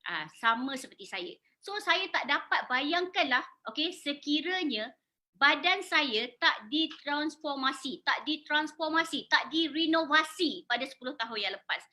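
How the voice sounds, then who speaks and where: A woman's voice: high voice, lively intonation, unhurried, pushed and bright. A woman in her forties with a Malaysian accent, a beauty salon owner giving a persuasive sales presentation and putting questions to her audience. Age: 40s. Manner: persuasive, asks the audience questions, mixes in English words.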